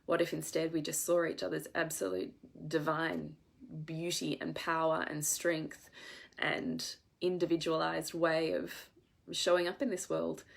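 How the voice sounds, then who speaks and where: In a live stream, a women's coach in her thirties addresses her viewers earnestly and emphatically, occasionally swearing to drive a point home. Her voice is low and gravelly, thickened by a congested head cold.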